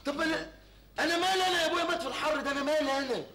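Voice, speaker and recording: A man's voice: very high voice, racing, full character voice. An actor with an Egyptian Arabic accent playing a giddy, boastful grown man who poses as a Mexican noble, chattering and giggling in a live stage comedy. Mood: giggly, chattering. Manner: giggly, chattering, breaks into loud laughter. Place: theater stage with live audience. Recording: roomy, noisy old theater stage recording.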